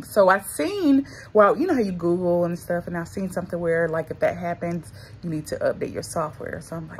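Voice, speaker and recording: A woman's voice: lowish voice, slight background noise. A young woman from North Carolina, chatting casually to her viewers in a vlog, a little muffled from the retainers she has in. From North Carolina, USA. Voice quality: talks with retainers in, slightly muffled. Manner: chatty, addresses viewers as y'all and girl. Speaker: vlogger.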